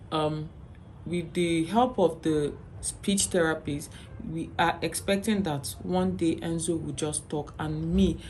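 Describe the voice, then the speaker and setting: A Nigerian woman speaks straight to her viewers in a personal vlog, earnest and pleading. Her voice sits a little low, and she keeps checking in with "okay?". A faint hiss of background noise runs under her. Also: a little mellow. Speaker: vlogger and mother.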